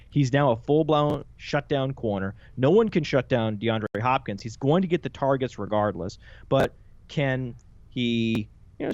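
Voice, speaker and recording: A man talking as a guest analyst in a casual podcast chat, playful and quick with joking asides. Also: medium pitch, no room sound, highs cut off. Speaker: guest fantasy football analyst.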